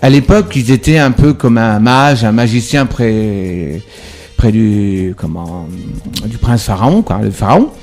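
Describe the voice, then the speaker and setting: A man's voice: lowish voice, a little slow, darkish tone, faint music behind. A man guesting on a radio show as a ventriloquist, chatty and joking as he talks. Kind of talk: radio interview.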